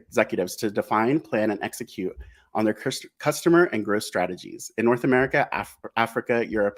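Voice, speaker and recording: A man hosting a live-streamed interview, upbeat and effusive, with frequent ums and uhs. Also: lowish voice. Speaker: host.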